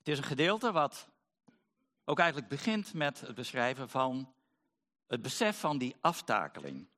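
A middle-aged man preaching a sermon, pausing often with fillers as he searches for words. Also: mid-range voice, very animated, pushed and bright. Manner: hesitant, many pauses and fillers.

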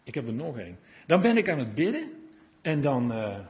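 A man preaches at a moderate pace in a medium-pitched, sing-song voice, heard through a dull lo-fi recording. Conversational and confiding, he occasionally lowers to a murmur, then rises again into earnest, emphatic exhortation.

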